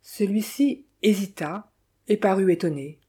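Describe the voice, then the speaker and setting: A woman reading a mystery novel aloud in measured, dramatic first-person narration. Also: medium pitch, mellow, breathy edge. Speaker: audiobook narrator.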